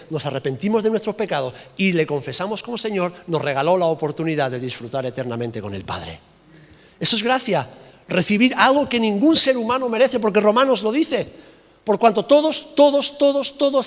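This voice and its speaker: A man preaching a sermon with passion, repeating phrases and dropping to soft emphasis. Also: sits high, in a large hall. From Spain. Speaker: pastor.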